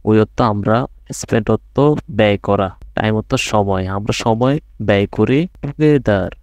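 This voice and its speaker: Low-voiced teacher with Bangladeshi accent. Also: male voice, darkish tone, dry recording. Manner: reads English words very slowly, explains at a brisk pace; addresses pupils directly, checks understanding with rising tag questions. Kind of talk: primary school English lesson.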